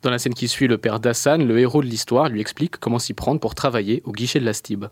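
A male presenter speaks quickly at medium pitch. His style is informal and explanatory, in a dry recording. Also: breathy edge, dry recording.

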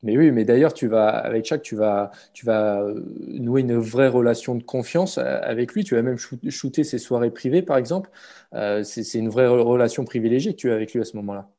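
Mellow-voiced male French interviewer. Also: medium pitch, a little fast. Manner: prompting with hesitant fillers. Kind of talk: interview questions.

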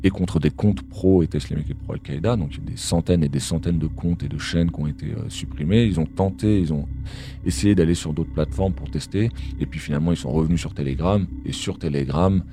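Analyst guest, male, voice-changer disguise pushing his voice extremely deep; measured, explains things with hesitations. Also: music in the background. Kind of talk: podcast interview.

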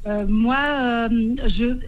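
A woman's voice: a little high, very slow, dull audio, slight background noise. A woman in her fifties calling in to a radio show, speaking hesitantly with many restarts. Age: 50s. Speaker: caller. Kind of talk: phone call to a radio show.

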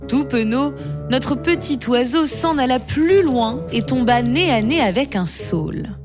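Storyteller, female, expressive and lively, over background music. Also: high-pitched, a little slow. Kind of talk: storybook narration.

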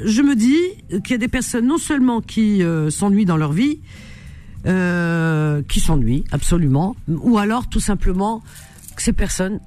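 A woman hosting a call-in radio show, animated, indignant and teasing with her callers. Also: lowish voice. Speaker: radio host.

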